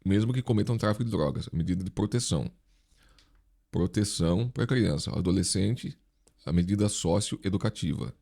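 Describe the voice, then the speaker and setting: Brazilian guy doing a lesson, low mellow voice, words a bit clumsy from a retainer in his mouth. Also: normal speed, vocal fry. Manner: slightly impeded articulation from wearing a dental retainer. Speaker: instructor, online video host. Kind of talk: exam correction lesson, informal explanation.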